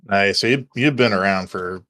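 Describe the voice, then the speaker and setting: A man's voice: lowish voice, normal speed, bright, forceful tone. A man from Canada hosting a podcast interview, asking questions in a casual, playful way. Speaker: host.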